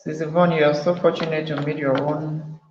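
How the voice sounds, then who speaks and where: A slightly high-voiced man from Cameroon runs a casual group call for his online health forum, talking a little fast in a level tone and Cameroonian English accent. He chats, asks his guests things and repeats himself a lot. The recording is muffled and a little mellow, in an echoey room with slight background noise.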